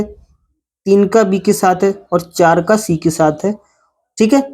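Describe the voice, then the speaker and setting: A mellow, medium-pitched woman's voice explains a maths lesson to students. The teacher is repetitive, leans on drawn-out key words for emphasis, and regularly checks understanding with short tag questions like "ठीक है" and "है ना".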